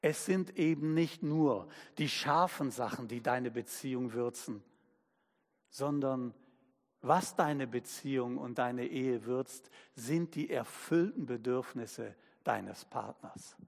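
A man preaching a sermon as pastor, slow and emphatic, using everyday examples. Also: medium pitch, vocal fry, a little mellow, in a large hall.

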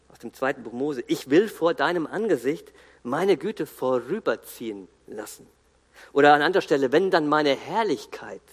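A man giving an earnest, emphatic sermon, pausing and restarting as he speaks. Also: medium pitch, husky, big-room sound. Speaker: guest preacher.

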